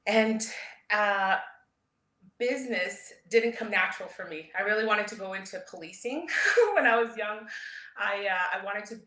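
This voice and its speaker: The recording is roomy and echoing as a keynote speaker, a startup founder from Canada who was born in El Salvador and grew up in Edmonton, tells personal stories informally. She talks at a moderate pace in a bright, forceful, mid-range voice, staying candid and chatty and often chuckling.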